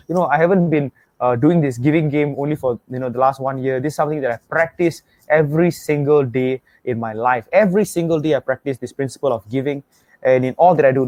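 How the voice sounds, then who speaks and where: This is a motivational webinar pitch from a young Singaporean host who speaks energetically in Singaporean English, says things more than once, and asks the audience to type their answers. His voice sits at a medium pitch and is a little mellow, with no room sound at all.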